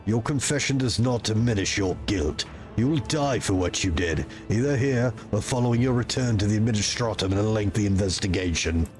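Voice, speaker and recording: A man's voice: fairly low pitch, fairly quick, soft background music, voice pushed down, lightly acted. A man voicing a stern, imperious rogue trader in a video game, speaking formally and in accusation. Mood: stern, condemning. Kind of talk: improvised reading of game dialogue.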